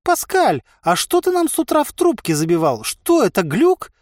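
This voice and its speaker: A man voicing a shrill, panicky, stingy male trader who screeches and yells. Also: very animated, brisk, no echo, clean studio sound. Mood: frantic. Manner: screeching, frantic, yelling.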